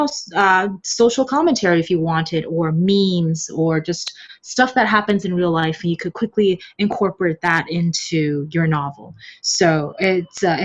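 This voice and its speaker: On a podcast, a woman guest who translates a novel talks about it casually, laughing often and scattering fillers through her speech. Her voice is lowish, and the highs sound cut off.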